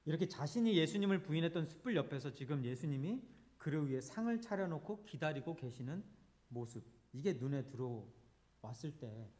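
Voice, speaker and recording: A male pastor delivers a sermon with earnest, vivid storytelling. His speaking voice sits a little higher than most men's. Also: expressive, moderate pace, a little mellow.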